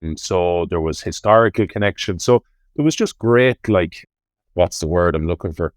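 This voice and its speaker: A man's voice: low-pitched, animated, moderate pace, no room sound, clean studio sound. A man with a west of Ireland accent, talking reflectively as an interview guest in an earnest, emphatic way and often putting questions to himself. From Galway, west of Ireland. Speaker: interview guest, ocean rowing adventurer. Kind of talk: reflective conversational interview talk.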